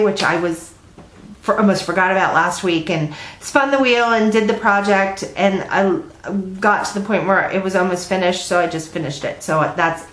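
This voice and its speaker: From indoors at home, a middle-aged woman with a blocked nose hosts her stitching vlog, chatting loosely and saying um a lot. Her voice is lowish with a fairly bright tone. The sound is roomy and roughly recorded.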